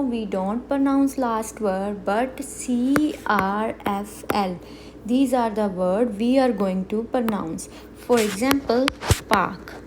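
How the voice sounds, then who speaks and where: A woman gives a beginner language lesson at a slow, deliberate pace, repeating each example word. Her voice sits a little high. The recording carries a steady background noise. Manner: slow, careful teaching with repeated example words. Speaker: French teacher.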